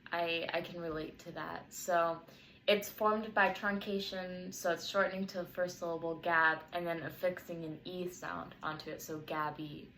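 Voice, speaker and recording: A young woman with a fairly low voice conducts a student interview. She reads her prepared questions and explanations carefully, as if working from notes, with a faint hiss behind her. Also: steady tone, normal speed, fairly bright tone, low-quality recording.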